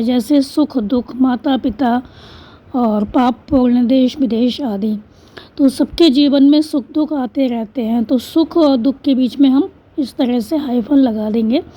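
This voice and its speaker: A woman teacher with a high, slightly breathy voice talks through a school textbook exercise. She goes step by step, asking questions and answering them herself. The recording sounds muffled and lo-fi. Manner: patient, step-by-step, asks and answers her own questions. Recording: dull lo-fi recording.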